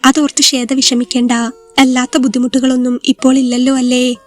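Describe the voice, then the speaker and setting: A woman voicing an injured young husband who speaks softly and reassuringly in a spoken story. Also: high-pitched, monotone, brisk, soft background music, lightly acted. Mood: consoling. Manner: soft, reassuring.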